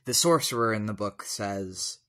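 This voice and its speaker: A tipsy man giving a solemn personal monologue in deliberate, formal phrasing. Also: lowish voice, lively intonation, fairly bright tone. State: tipsy from alcohol.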